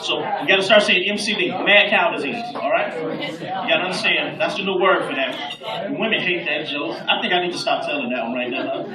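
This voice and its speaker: A man's voice: on the high side, brisk. A man performing a stand-up set to a live audience, talking casually and playfully working the crowd. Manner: conversational, playful crowd work. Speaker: stand-up comedian. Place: club stage before a live audience. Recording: roomy club audio from a distance with audience noise.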